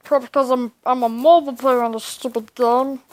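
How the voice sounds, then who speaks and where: A woman putting on a slow, drawn-out alien voice while playing a game. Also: high voice, steady tone, darkish tone, no room sound, lightly acted. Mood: goofy.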